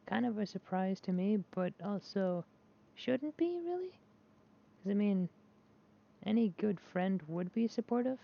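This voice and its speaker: This gaming vlogger has a gravelly, mid-range voice. Chatting as she plays, she rambles hesitantly, restarting often and using lots of fillers, with a candid, self-deprecating manner; the lo-fi mic sounds dull with faint noise.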